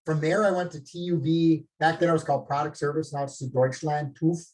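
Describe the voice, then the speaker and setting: This low-quality recording captures a man in his late fifties from northern Minnesota, appearing as a featured guest on a live video call. His Minnesotan-accented voice sits on the high side, steady and a little mellow, moving fairly quickly. He rambles about his career with self-deprecation and many restarts.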